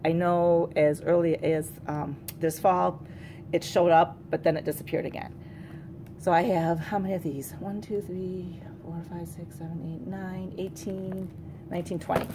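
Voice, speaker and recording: A woman's voice: lowish voice, little pitch movement, moderate pace, background noise. A woman talking casually in a show-and-tell vlog, rambling chattily with plenty of fillers and reading product descriptions aloud. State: out of breath. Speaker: candle collector vlogger.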